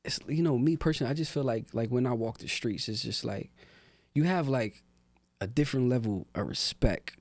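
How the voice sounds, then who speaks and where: Talking fairly quickly in a medium-pitched voice with no echo, a young Newark, New Jersey rapper guests on a podcast. The interview is casual, and his relaxed street talk is packed with fillers.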